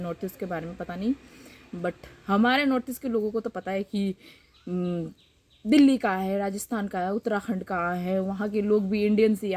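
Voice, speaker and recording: A woman's voice: mid-range voice, darkish tone, a little hiss or hum. A young woman from Northeast India with a Northeast Indian Hindi accent, telling a personal story in a vlog, heated and repeating words for emphasis. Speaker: vlogger.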